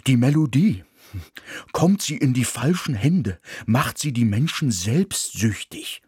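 A man's voice: medium pitch, animated, slow, a little mellow, husky, no echo, clean studio sound, exaggerated voice. A man voicing a male dog who speaks earnestly and insistently. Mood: urgent.

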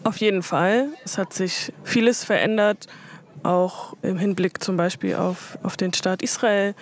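Measured, reflective woman interviewee. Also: mid-range voice, steady tone, a little hiss or hum. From Germany. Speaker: interview guest. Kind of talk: articulate interview answers.

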